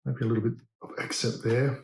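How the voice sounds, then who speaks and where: A man with an Australian accent talking through a hands-on how-to demonstration, describing each step in a relaxed way as he works. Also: medium pitch, fairly quick, vocal fry, reverberant, noisy background. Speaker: DIY demonstrator.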